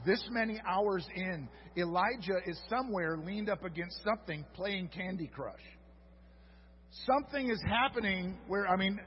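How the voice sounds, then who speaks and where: A man's voice: high voice, slight background noise. A man preaching a sermon as a pastor, retelling a story with humorous asides to the congregation. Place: church sanctuary. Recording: dull audio with long hall reverb.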